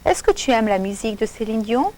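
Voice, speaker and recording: Mireille is a cheerful, chatty sixteen-year-old girl in a storybook who fires off eager questions, voiced by a woman reading aloud. She is pitched somewhat higher than the narration. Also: very animated, brisk, darkish tone, poor audio. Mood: curious.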